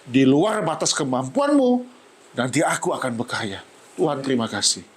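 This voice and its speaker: A man preaching a heartfelt church sermon, his voice climbing high when he is moved and sounding tearful. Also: sing-song, normal speed, husky, low-quality recording. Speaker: pastor. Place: church service.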